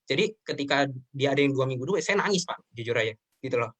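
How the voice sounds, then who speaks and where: A man's voice: mid-range voice, lively intonation, fast, a bit bright. A man in his twenties talking earnestly and emotionally as an interview guest, often addressing the host as sir. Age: 20s. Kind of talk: earnest personal talk in an interview.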